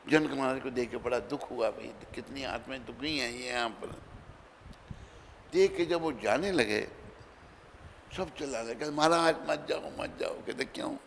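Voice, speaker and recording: A man delivers a storytelling sermon in a gravelly voice, voicing each character as he goes. He swings from loud to soft, and his words ring out in a long-echoing hall with a faint hiss behind. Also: mid-range voice, moderate pace, pauses often. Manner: dramatic storytelling, acting out dialogue with sudden loud and soft turns. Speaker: preacher. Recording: reverberant hall with faint background noise.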